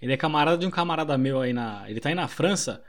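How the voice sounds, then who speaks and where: A man's voice: fairly high pitch, expressive, rapid-fire. A man with a Brazilian Portuguese accent, hosting a podcast in an upbeat way and asking questions. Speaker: podcast host. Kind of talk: casual chat.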